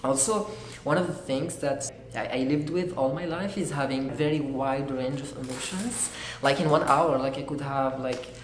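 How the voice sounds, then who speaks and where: Earnest young man, echoey room. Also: medium pitch. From Algeria. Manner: earnest, halting, searching for words. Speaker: graduate student giving testimony. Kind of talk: personal testimony. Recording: echoey room with faint noise.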